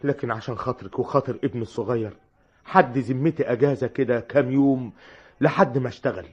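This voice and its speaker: A man's voice: medium pitch, a little fast, darkish tone, breathy edge. An actor with an Egyptian accent playing a cheerful, stubborn escaped asylum patient in an old radio comedy, brash and matter-of-fact about his absurd logic. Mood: indignant. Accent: Egyptian Arabic. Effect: old radio broadcast sound. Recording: dull lo-fi old radio recording.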